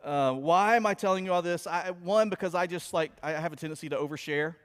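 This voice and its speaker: A man preaching a sermon, opening with a chatty, animated story told to his congregation. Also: fairly high pitch, fast, smooth. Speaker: pastor. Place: church sanctuary. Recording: long hall reverb.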